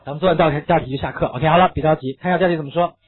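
A man teaching an English reading lesson, animated and full of rhetorical questions, slipping English phrases into his lecture. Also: a little high, racing, breathy edge, soft background music. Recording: tinny phone-like recording.

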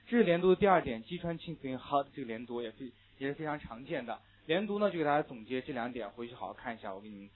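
A man's voice: medium pitch, lively intonation. Man teaching English listening, tinny audio. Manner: explains rules with frequent "ah" fillers, then models words slowly. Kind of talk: classroom lecture with repeat-after-me drills.

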